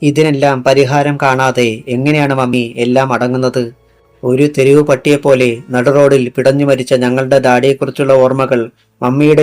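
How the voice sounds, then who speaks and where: A man's voice: mid-range voice, darkish tone, close to an everyday voice. A man voicing a fierce young policewoman who swears revenge, speaking with intense resolve in an audiobook. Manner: intense vowing speech.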